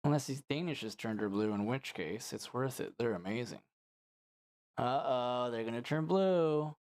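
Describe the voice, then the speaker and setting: A man's voice: medium pitch, normal speed, a little mellow. A man streaming gameplay and commenting on it, joking and swearing and mocking himself. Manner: joking, crude, self-mocking.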